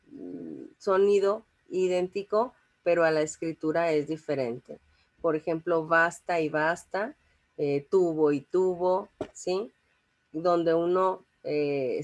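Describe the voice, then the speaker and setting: Chatty woman teaching a class. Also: fairly low pitch. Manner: conversational, many fillers and restarts, checks in with listeners. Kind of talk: informal classroom lecture.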